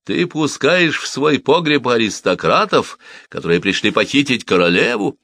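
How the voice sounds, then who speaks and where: A man reading the part of a furious male cobbler who shouts frantic alarms at soldiers. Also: sits low, lively intonation, brisk, vocal fry, no room sound, heavily acted. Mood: accusing.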